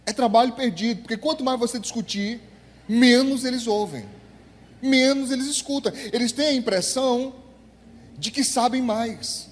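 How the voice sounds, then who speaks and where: High-voiced pastor preaching in a reverberant hall. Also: male voice. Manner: emphatic preaching, drawing out key words, calling on the congregation to answer. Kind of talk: sermon. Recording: long church hall reverb.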